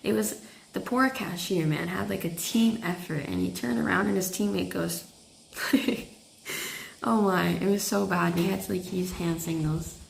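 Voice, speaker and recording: Gravelly young woman with a groggy morning voice. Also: fairly low pitch, unhurried. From Canada. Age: young adult. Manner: rambling, filler-heavy chatty explaining. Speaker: vlogger. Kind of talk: casual voice-over narration. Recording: roomy echo, faint noise.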